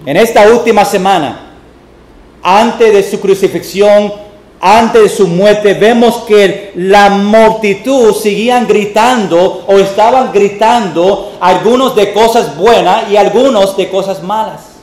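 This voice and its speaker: Man, pastor, Sunday sermon, slow deliberate delivery, echoey church sanctuary. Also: high-pitched, darkish tone. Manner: slow, deliberate preaching with homely family examples; mixes English words into Spanish.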